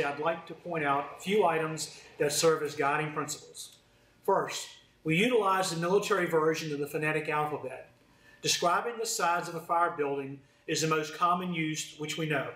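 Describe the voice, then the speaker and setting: A man with a fairly high, slightly bright voice delivers a formal, scripted training presentation as a fire department instructor. The recording is roomy, with a distant mic and faint noise.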